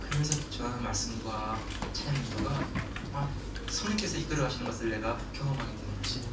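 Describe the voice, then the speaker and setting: Male pastor, animated sermon delivery, distant mic in a noisy echoing sanctuary. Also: mid-range voice, quick pace. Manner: animated, laughing and shouting in bursts. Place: church sanctuary. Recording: echoey hall from far off, noisy.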